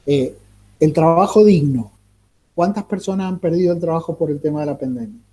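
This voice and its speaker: A man lecturing a class, halting and repeating words, often asking the listeners rhetorical questions. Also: a little high, mellow, slightly rough. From Argentina. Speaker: teacher.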